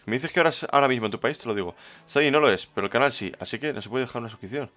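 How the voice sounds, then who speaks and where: Brief: man, Spain Spanish accent, playful game streamer reading his chat, middle pitch, faint music underneath. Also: very fast, fairly bright tone. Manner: chatty, playful, greets viewers by name. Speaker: livestreamer. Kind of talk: casual livestream chat, reading the chat.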